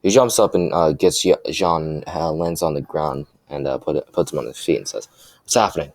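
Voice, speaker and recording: Improvising a fan story out loud, a young man speaks in a low, deep, somewhat dark voice. He keeps tripping over restarts and filler words. There's no room echo; the sound is close-miked and dry.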